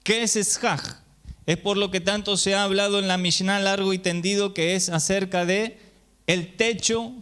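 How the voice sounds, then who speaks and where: A man's high, slightly bright and smooth voice carries a sermon to his gathered congregation. Patient in his explanations, he keeps asking rhetorical questions to engage those listening.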